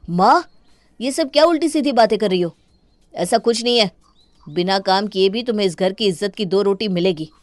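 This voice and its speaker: A woman voicing a young husband and son who scolds his wife and protects his mother, in an animated story. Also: medium pitch, moderate pace, no echo, lightly acted. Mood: reassuring.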